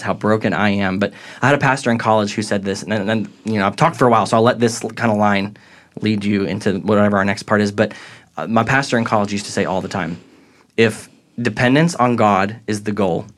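Young man, lowish voice, earnest podcast guest telling his testimony, reflective. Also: fairly quick. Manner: earnest, reflective, grows excited retelling moments. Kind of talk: faith testimony in casual conversation.

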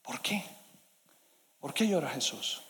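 High-voiced preacher in a reverberant hall. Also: male voice, expressive, slow. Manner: dynamic preaching, swinging between loud emphasis and hushed asides. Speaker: pastor. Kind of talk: sermon.

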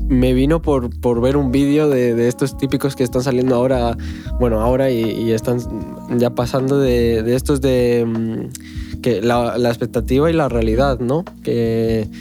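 A man's voice: mid-range voice, fairly even intonation, normal speed, warm tone. A man hosting a casual podcast chat, talking with frequent restarts and fillers. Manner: hesitant, many restarts and fillers. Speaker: podcast host. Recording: music bed underneath.

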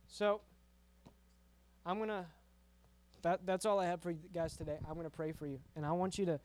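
High-voiced young-sounding pastor preaching casually. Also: male voice, fairly even intonation, moderate pace, darkish tone. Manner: conversational, repeats words, frequent "right?" tag questions. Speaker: youth pastor. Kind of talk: casual youth sermon.

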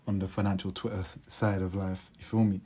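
A man's voice: deep voice, level tone, a little fast, mellow, breathy edge. A young man with a London accent hosting a podcast, chatting casually in roadman slang. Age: young adult. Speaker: podcast host. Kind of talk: casual chat.

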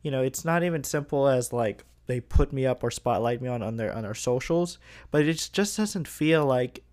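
A young man hosting his own podcast, talking in a subdued, somewhat monotone and reflective way. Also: mid-range voice, normal speed. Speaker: podcast host. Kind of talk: casual solo podcast talk.

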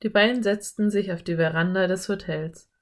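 A woman reading a children's story as narrator in an even storytelling manner. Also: medium pitch, normal speed. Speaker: audiobook narrator. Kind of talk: scripted narration.

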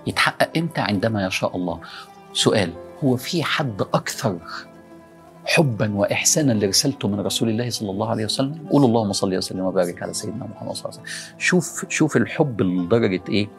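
Brief: Egyptian male preacher, quick delivery, animated rhetorical questions, faint music underneath. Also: lowish voice, vocal fry. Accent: Egyptian Arabic. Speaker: preacher addressing young people. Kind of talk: motivational religious talk.

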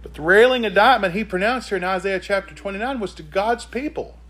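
A man's voice: high-pitched, brisk, a bit bright. A man preaching a sermon, reading scripture and pressing the congregation with emphatic rhetorical questions.

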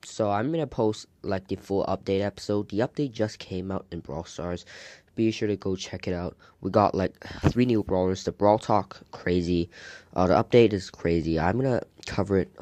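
A man hosting a casual solo gaming podcast, talking haltingly while getting over a sore throat. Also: sits low, warm tone. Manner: halting, hesitant delivery. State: sick, recovering from a sore throat.

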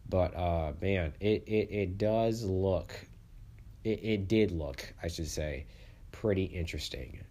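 A man's voice: low voice, slow pace, mellow. A man hosting a casual solo movie podcast, rambling and repeating words, congested and sniffling with the flu.

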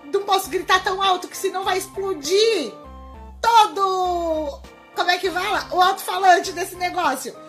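A woman telling a children's story at home, animated and talking straight to her audience. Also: extremely high pitch, normal speed, shouting, faint music behind.

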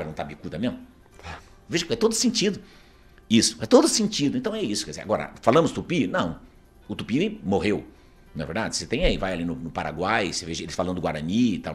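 A Brazilian man from Paraná speaks as an interview guest, with a husky, somewhat low voice. He talks quickly and swings widely in pitch. He argues emphatically and keeps tossing in rhetorical questions. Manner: emphatic, argumentative, keeps asking rhetorical "isn't it true?". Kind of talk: opinionated conversational commentary.

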